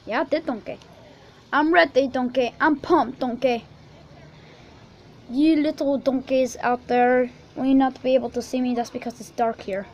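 Filmed on a handheld video camera, this homemade role-play vlog moves from outdoors at night to indoors at home. A woman with a high, steady, darkish voice at normal speed plays a jumpy, childlike male ogre, playfully calling everyone donkey.

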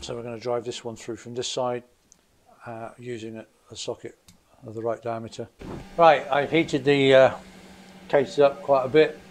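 In his basement workshop, an Englishman who works on motorcycles strips down an engine, explaining every step in a hands-on demonstration. He speaks at medium pitch in a level tone and moderate pace, plainly and methodically, with small fillers as he thinks aloud. Faint extractor fan noise is audible, and the camera mic above the bench frames only his hands.

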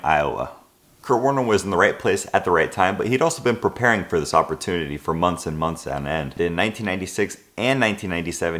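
A sports video host in his twenties delivers a scripted underdog football tale to camera from an apartment living room, keeping it casual and conversational with frequent "you know"s. He has a deep, fairly bright voice.

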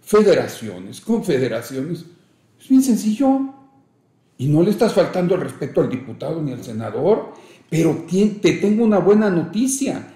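A man's voice: sits high, very animated, normal speed, dark tone, reverberant. A middle-aged man with a Mexican accent, a judge speaking as an interview guest, emphatic and lecturing with rhetorical questions. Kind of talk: conversational interview.

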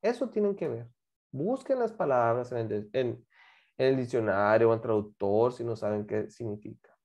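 Patient teacher. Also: female voice, rumbling low, expressive, normal speed, warm tone. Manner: patient, checks understanding with frequent questions. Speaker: English teacher. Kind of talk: explaining homework to a class.

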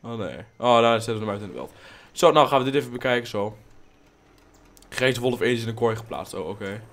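Young man, gaming commentary, rambling, blunt, swears a lot, sudden excited outbursts, English phrases mixed in. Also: medium pitch, fairly quick. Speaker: gaming channel host. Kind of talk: casual let's play commentary.

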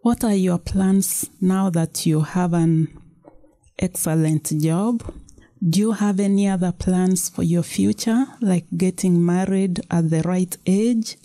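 A woman's voice: lowish voice, fairly even intonation, takes it slowly, mellow, no echo. A woman reading as a probing, concerned mother. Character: concerned mother asking about marriage.

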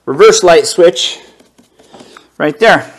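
Slow-talking man unboxing in his garage. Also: on the high side, expressive. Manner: slow, easygoing, talks while handling parts. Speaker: home car builder. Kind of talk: casual unboxing commentary. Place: home garage workshop, indoors.

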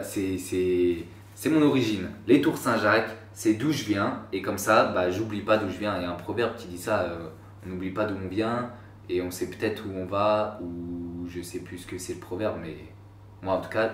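A young French YouTuber in his twenties talks casually to camera in a small indoor room, rambling and slangy with self-mocking asides. His lower voice moves at a moderate pace. The camera sits a few feet away, so the sound is roomy and slightly distant.

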